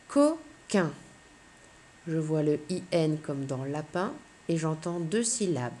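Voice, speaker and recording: A woman teacher giving a slow, clear phonics lesson to young children, patiently spelling out letters one by one. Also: deep voice, darkish tone, a little hiss or hum.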